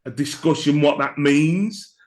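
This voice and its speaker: A man co-hosting a podcast, hoarse from the flu, speaking in a halting, reflective way. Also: fairly high pitch. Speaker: podcast co-host. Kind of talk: casual podcast chat.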